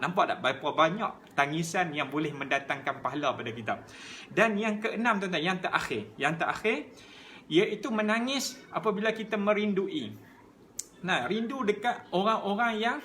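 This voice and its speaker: A man's voice: high-pitched, pushed and bright, a little hiss or hum. A man giving a live-streamed religious talk, earnestly and repeatedly addressing his listeners. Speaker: religious teacher.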